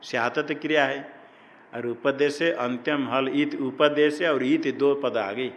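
A man's voice: mid-range voice, fairly even intonation, a little slow, highs cut off. A man teaching a class on Sanskrit grammar. He repeats key terms and puts questions to his students. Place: ashram classroom. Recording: long hall reverb.

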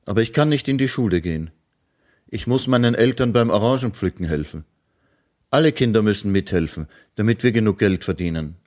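Storybook working boy, earnest, quicker, higher, man reading. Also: animated, a little mellow, close to an everyday voice. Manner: earnest, hurried in places. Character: hardworking young boy, earnest.

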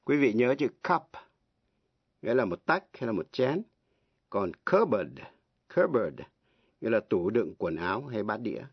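A man teaching English on the radio, giving each word and example slowly, spelling words out letter by letter and translating them. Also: lowish voice, expressive, husky, dry recording. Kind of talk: slow, deliberate language lesson. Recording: dry, dull lo-fi radio broadcast.

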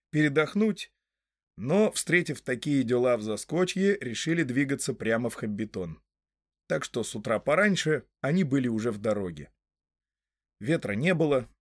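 A man narrating a storybook in a scripted reading, lively and expressive. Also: medium pitch, no room sound, studio quality. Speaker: audiobook narrator.

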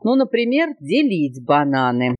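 A woman's voice: low voice, very animated, a little slow, dry recording, muffled recording, full character voice. A woman doing a fussy lecturing parrot. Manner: indignant, lecturing, drawn out. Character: fussy, strict know-it-all male parrot.

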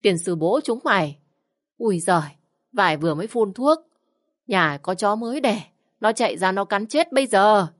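A woman's voice: medium pitch, animated, normal speed, dry recording, studio quality, voice pushed up, natural voice. A woman voicing a grumpy village homeowner who scolds and curses. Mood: angry.

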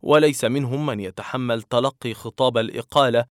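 Man, storyteller, scripted narration, mid-pitched voice, dry close sound. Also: fairly quick, no echo.

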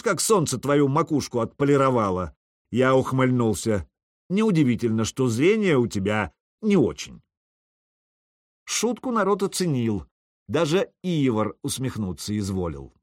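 A man's voice: medium pitch, no room sound. A man narrating a first-person audiobook in a wry, ironic way, close to the mic.

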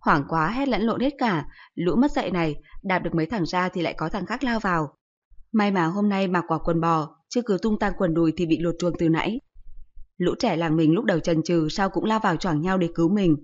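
Brief: low-voiced woman, lively comic story narration, muffled recording. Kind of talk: first-person story reading.

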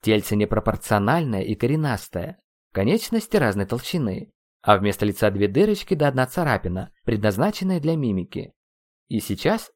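A man narrating a first-person audiobook, expressive and ironic. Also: on the low side, no room sound, studio quality.

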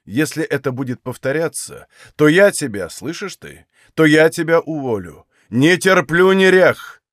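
A man voicing an irritable old male landowner who shouts in slow, heavy bursts, in a dry recording. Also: fairly low pitch, big pitch swings, slightly rough, no echo, voice pushed down, exaggerated voice. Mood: scolding.

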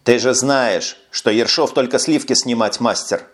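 A man's voice: mid-range voice, a little slow, natural voice. Man doing a sardonic, weary police lieutenant. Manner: sarcastic, curt.

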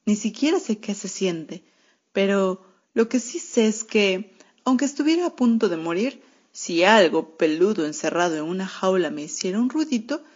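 A woman reads a storybook aloud at a middle pitch, her narration wry and sardonic. The radio recording sounds dull and lo-fi. Her delivery stays dry and mocking. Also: a little mellow, breathy edge. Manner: wry, sardonic first-person narration as a cat.

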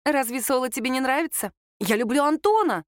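A woman's voice: high voice, animated, fairly quick, dry recording, studio quality, voice pushed up. A woman reading an audiobook, voicing a blunt, anxious young woman who snaps at people. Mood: exasperated. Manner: blunt, exasperated, rude outbursts. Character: young woman, brash, anxious, sharp-tongued.

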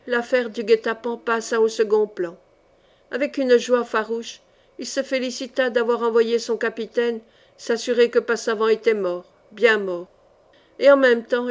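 A woman narrating an old historical adventure novel as an audiobook. She reads in a measured, expressive way, and her voice sits a bit high for a woman. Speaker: audiobook reader.

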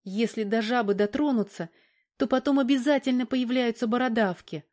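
A cheeky, defiant young girl in an audiobook, as a woman narrator puts her on, her voice lifted noticeably higher than the telling around it. She sounds young and quick to protest. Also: a little mellow, close to an everyday voice. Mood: fretful.

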